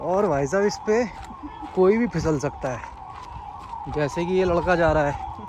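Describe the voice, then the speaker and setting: A chatty travel vlogger with a slightly high voice talks to a handheld camera as he treks outdoors. He jokes easily and slips into storytelling. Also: unhurried, noisy background. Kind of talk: casual travel vlog narration. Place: outdoors on mountain trails and by a river.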